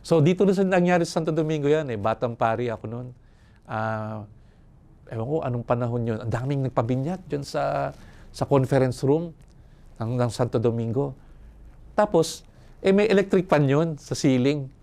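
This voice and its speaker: An older priest from Manila, Philippines gives a reflective retreat sermon with personal stories, his mid-range voice creaky and mellow at a normal pace. He talks conversationally, chuckling and often asking "no?"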